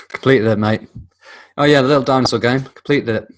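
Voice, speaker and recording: A man's voice: mid-range voice, moderate pace. A man, co-hosting a podcast in casual chat, swearing freely and acting out the voices of people in his stories. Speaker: podcast co-host.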